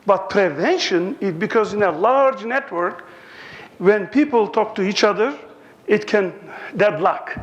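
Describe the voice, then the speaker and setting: High-voiced Turkish-accented man in his sixties. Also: animated, measured pace, dull audio. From Turkey. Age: 60s. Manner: joking, anecdotal storytelling. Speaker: professor giving a lecture. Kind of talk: conference lecture.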